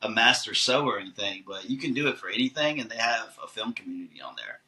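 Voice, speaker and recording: A male actor talks easily and at length as a podcast guest. His voice sits low but rings very bright and forceful. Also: fast, rough recording. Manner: relaxed and chatty, long-winded answers. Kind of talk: casual podcast conversation.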